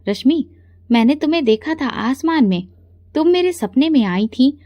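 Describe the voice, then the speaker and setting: A woman reads a troubled young husband with a childlike, pleading manner, in a pitch on the higher side. The sound is dry and close, with no room around it. It is a narrated storybook figure, told softly. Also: animated, moderate pace, no echo, muffled recording.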